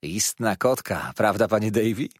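Hearty young fisherman, cheering and loud, voiced by a male reader, husky, dry sound. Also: fairly low pitch, animated, normal speed, no echo. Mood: jolly. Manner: loud, exclamatory.

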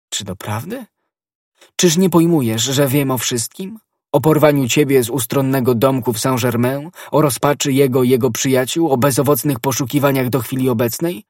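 A man's voice: medium pitch, darkish tone, no echo, studio quality, pitched above the performer's own voice, close to an everyday voice. A man voicing a cunning, deceitful noblewoman in an audiobook, guarded and evasive. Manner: stammering, evasive when cornered.

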